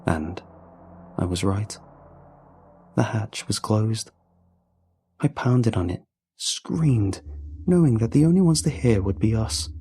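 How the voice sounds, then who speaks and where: A man reading a scripted horror story aloud in a slow, hushed and deliberate manner. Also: on the low side, animated, a little hiss or hum. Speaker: narrator.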